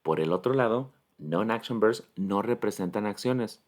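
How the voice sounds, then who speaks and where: Man, English teacher, low voice, very slow, deliberate explanations. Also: expressive. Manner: slow, deliberate, spells out letters and models English words. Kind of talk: grammar lesson explanation.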